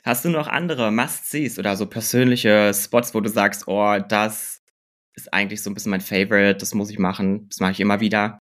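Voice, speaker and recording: A man's voice: fairly low pitch, steady tone, a little fast, a bit bright. A man co-hosting a podcast, talking casually and searching for words now and then. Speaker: podcast co-host.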